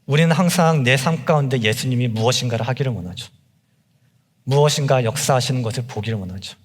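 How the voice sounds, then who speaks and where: Young male junior pastor, sermon delivery, swings from impassioned outcries to hushed lows, mid-range voice, long church reverb. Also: fast. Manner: emphatic preaching, rising to impassioned cries then dropping low. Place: church sanctuary.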